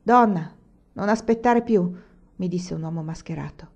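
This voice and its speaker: A woman reading the part of a poor, proud widow of a bandit, who tells her story in a low, confiding tone. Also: moderate pace, a little mellow, dull audio. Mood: sorrowful.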